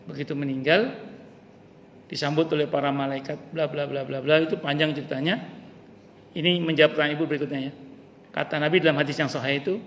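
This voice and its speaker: A man's voice: a little high, fairly even intonation, fast talker, pauses often, a bit bright. A male ustaz, giving a casual mosque study-circle sermon and acting out quoted lines as he tells stories. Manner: storytelling with acted quotes, plain colloquial. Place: mosque hall. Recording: reverberant mosque hall, faint hiss.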